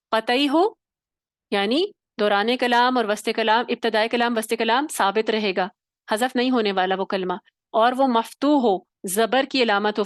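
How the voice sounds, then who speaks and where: Female recitation teacher: fairly high voice, dry close mic, patient step-by-step demonstrations. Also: no echo. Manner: explains step by step, demonstrates sounds, checks with "theek hai?". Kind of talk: tajweed lesson.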